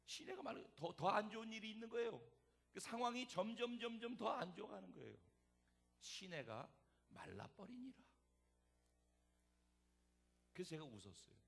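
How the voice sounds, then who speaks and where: A man preaching a sermon as pastor, dramatic and animated, acting out the voices in the story. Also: high-pitched, quick pace, creaky, breathy edge.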